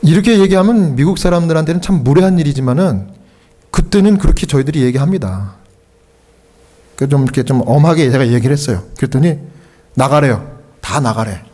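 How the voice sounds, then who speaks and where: A Korean pastor preaching in a church, his voice sitting a little higher than most men's. He tells his story conversationally and slips into the voices of the people he quotes. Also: expressive, a little fast, mellow. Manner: conversational, acts out quoted dialogue. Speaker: pastor and hospice chaplain. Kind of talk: storytelling sermon. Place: church sanctuary.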